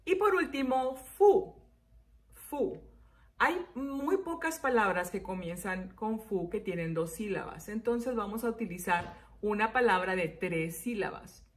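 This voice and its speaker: A woman's voice: mid-range voice, lively intonation, moderate pace. A woman teacher giving a children's spelling lesson. She repeats each word and its syllables and keeps checking in with "ok?".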